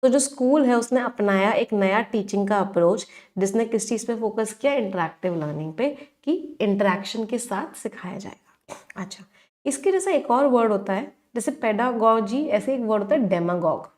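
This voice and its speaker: A woman's voice: mid-range voice, lively intonation, normal speed, darkish tone. A young woman teaching exam-prep vocabulary, mixing in terms, asking questions and answering them herself.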